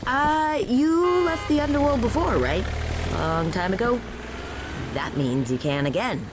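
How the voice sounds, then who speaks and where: A woman's voice: a little high, lively intonation, takes it slowly, background noise. A woman playing a breezy, offhand guide from Greek myth in a video game. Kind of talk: casual video game acting.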